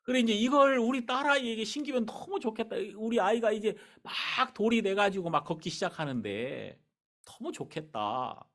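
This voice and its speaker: A middle-aged male pastor telling a personal story in a sermon, in an animated, conversational way. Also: sits high, moderate pace.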